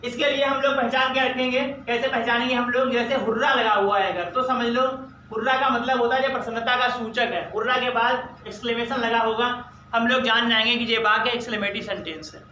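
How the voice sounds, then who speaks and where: Bright-voiced man teaching grammar. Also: very high voice, steady tone, fairly quick, reverberant, a little hiss or hum, poor audio. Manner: explains step by step, repeats examples, asks if understood. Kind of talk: spoken grammar lesson.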